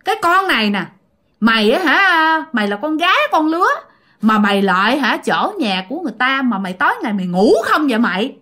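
A woman's voice: high voice, very animated, fairly quick, sharp tone, heavily acted. A woman voicing a rude ghost boy of about ten who scolds insolently, with a Southern Vietnamese accent. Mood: scolding.

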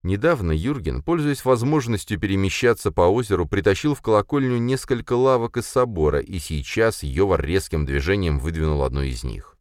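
Deep-voiced male audiobook narrator. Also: lively intonation, a little fast, few pauses, no echo, studio quality. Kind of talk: scripted narration.

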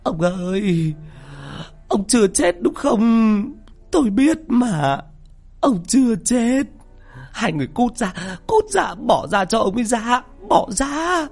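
A man's voice: very high voice, big pitch swings, slow pace, creaky, darkish tone, soft background music, pitched above the performer's own voice, full character voice. A man voicing a frantic grieving old widow who wails and screams at a coffin. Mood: wailing grief. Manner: wailing, sobbing, screaming.

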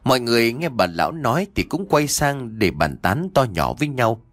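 A man narrating a horror story in an expressive, theatrical way. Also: mid-range voice, normal speed, dry recording.

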